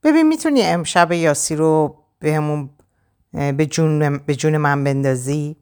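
A woman's voice: sits low, darkish tone, clear, resonant tone. A woman voicing a young husband who answers his joking brother with light amusement. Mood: amused.

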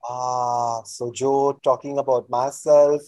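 A man's voice: medium pitch, level tone, slow, warm tone, no echo. North Indian man, hesitant interview guest. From New Delhi, India. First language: Hindi. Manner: hesitant, repetitive phrasing with frequent "like". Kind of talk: casual interview talk.

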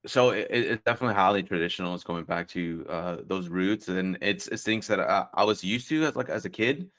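A young adult man chats casually as a podcast guest in a low-pitched, fairly bright voice, speaking briskly. He rambles, full of "like" and "uh," and frequently restarts his sentences.

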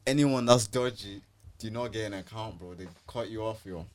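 Low-voiced young London roadman. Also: moderate pace. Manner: slangy London roadman talk. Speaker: podcast co-host. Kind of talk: casual podcast chat.

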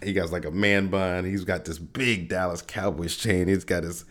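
Deep-voiced laughing man riffing casually. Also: steady tone, moderate pace, fairly bright tone. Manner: loose, laughing, lots of restarts and repeated words. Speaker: podcast host. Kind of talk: casual solo podcast chat.

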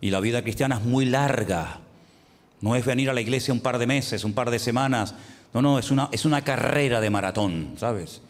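A man's voice: medium pitch, moderate pace. A man preaching a sermon as pastor, with rising emphasis and rhetorical questions. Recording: long hall reverb.

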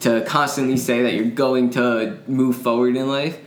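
A man's voice: medium pitch, steady tone, moderate pace, a little hiss or hum. A young man co-hosting a podcast, telling stories in a rambling casual way with many fillers and restarts. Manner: rambling, filler-heavy storytelling with frequent restarts. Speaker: podcast co-host. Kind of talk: casual chat. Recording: echoey room.

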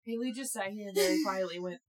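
A young woman talks quickly and chattily with friends, dropping filler words as she goes. Her voice sits at an ordinary pitch and the talk runs at a brisk clip on a single shared mic. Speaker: podcast co-host. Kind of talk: casual chat. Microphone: one shared mic.

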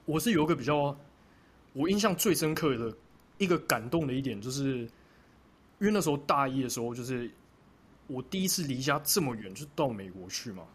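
A man's voice: mid-range voice, lively intonation, fairly quick, slightly rough. A young man co-hosting a podcast, telling a personal story in rambling, hesitant casual chat. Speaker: podcast co-host.

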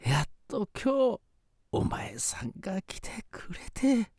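Elderly grandpa ghost, drawn-out ghost voice, swooping pitch, sentimental, easily delighted, radio skit. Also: male voice, very animated, creaky, darkish tone, no echo, clean studio sound, exaggerated voice. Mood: tearful gratitude.

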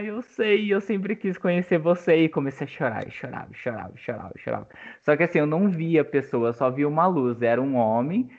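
A young man chatting casually and telling a personal story in an emotional, halting way, full of fillers. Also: medium pitch. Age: young adult. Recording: tinny phone-like audio.

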